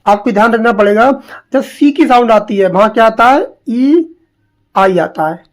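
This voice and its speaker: Slow, drilling woman teacher. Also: on the high side, expressive. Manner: slow, drilling, repeats words and asks questions. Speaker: English teacher. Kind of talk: spelling lesson for exam students.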